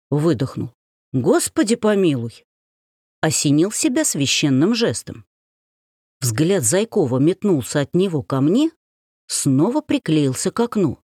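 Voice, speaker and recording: Expressive woman narrating, low and lively. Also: slightly rough, no room sound, studio quality. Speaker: audiobook narrator. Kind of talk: scripted first-person narration.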